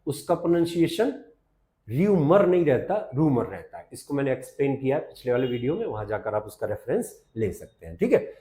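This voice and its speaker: A man teaching English pronunciation in Hindi, drawing out each model word slowly and then asking the class to repeat it. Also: medium pitch, sing-song, warm tone. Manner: slow, drawn-out model words with quick repeat questions. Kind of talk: Hindi-language pronunciation lesson.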